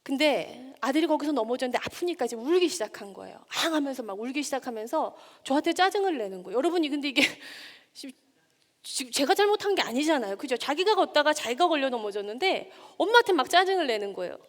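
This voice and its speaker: A woman's voice: sits high, expressive, fast. A woman in her forties giving a public talk to a live audience, engaging them with questions. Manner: warm, engaging, asks the audience questions and acts out scolding lines. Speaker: speaker giving a stage talk. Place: lecture hall stage. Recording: long reverb of a hall.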